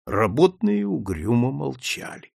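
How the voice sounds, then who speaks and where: A man reading a story aloud in a dramatic, expressive narration. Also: mid-range voice, a little slow, gravelly, no echo, clean studio sound. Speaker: audiobook narrator.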